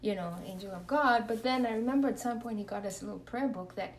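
A Kenyan religious sister speaks fast in a fairly high voice, earnestly and reflectively sharing her faith story and leading prayer during an interview. Her voice sounds a bit distant from the mic.

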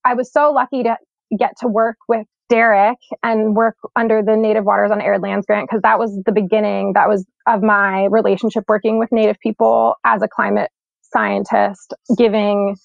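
This relaxed, reflective interview features a young woman, a climate scientist born in Sweden and brought up in New York, whose talk is peppered with "like" and "um." She has a gravelly mid-range voice and keeps a moderate pace. The sound is dry, captured on a dull lo-fi recording.

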